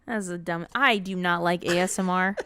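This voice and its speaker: A woman's voice: on the low side, fairly even intonation, normal speed, fairly bright tone, smooth. A young adult woman from Michigan co-hosting a casual podcast on a headset mic, blunt and exasperated, swearing freely. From Dearborn, Michigan. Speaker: podcast co-host. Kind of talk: casual chat.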